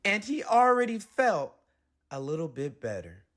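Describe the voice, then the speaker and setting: Man, bright forceful voice, very animated, children's story reading, playful, colloquial. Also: high-pitched, unhurried. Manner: playful, expressive, colloquial asides. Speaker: read-aloud host, coach. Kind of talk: animated picture-book read-aloud for children.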